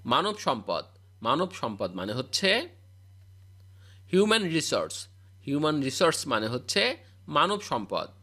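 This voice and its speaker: Male English tutor, lively, slightly high, recites word pairs in steady repetition. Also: measured pace, pauses often. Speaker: spoken English teacher. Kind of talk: scripted vocabulary drill.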